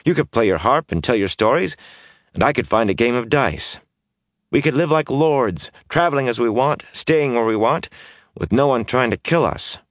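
A man's voice: mid-range voice, lively intonation, normal speed, dry recording, clean studio sound, voice pushed up, natural voice. A man voicing a restless, bitter young gambler who complains and grows agitated. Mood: pleading.

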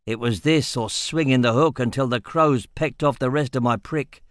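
A man's voice: mid-range voice, normal speed, no echo, clean studio sound, natural voice. A man voicing a coarse, scornful male convict who talks crudely.

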